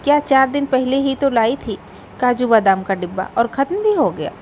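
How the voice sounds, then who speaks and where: A sharp-tongued mother-in-law from a family story, read by a woman narrator. She scolds and suspects the household in a fairly high tone, with the bite of an elder who expects obedience. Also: expressive, normal speed, a little hiss or hum. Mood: scolding. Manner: scolding, suspicious. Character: stern middle-aged mother-in-law, quick to blame.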